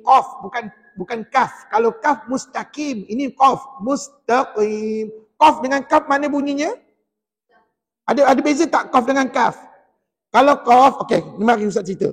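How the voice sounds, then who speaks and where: Malaysian Malay man, tajwid teacher, very high voice, patient explainer who chants verses slowly; mosque hall reverb. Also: slightly rough. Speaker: Quran recitation teacher. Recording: long echo of a mosque hall.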